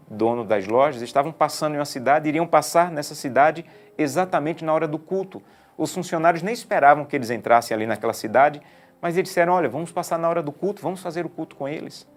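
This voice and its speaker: A man delivers a sermon at a mid pitch, moving between hushed and emphatic delivery. He stretches out key words slowly. Quiet music plays underneath. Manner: preaches with wide swings from hushed to emphatic, slowing on key words. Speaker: preacher.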